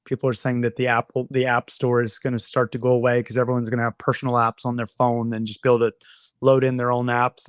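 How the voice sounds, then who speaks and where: A man's voice: medium pitch, no echo, studio quality. Eager man talking shop on a podcast. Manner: enthusiastic, repeats words as he restarts. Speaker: guest, design studio founder. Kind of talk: conversational podcast interview.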